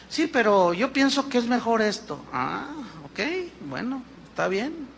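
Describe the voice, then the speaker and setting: A man, his voice high and bright, acting out quick dialogues and firing rhetorical questions. A faint noise sits behind him. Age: 50s. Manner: animated preaching with acted-out dialogues and rhetorical questions. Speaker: pastor. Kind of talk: sermon.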